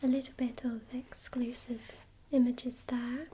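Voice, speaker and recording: A woman playing a helpful librarian in a whispered role-play, speaking in a soft, breathy, gentle library whisper. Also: fairly high pitch, little pitch movement, a little slow. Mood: gentle, hushed. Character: helpful female librarian recommending books. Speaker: ASMR performer.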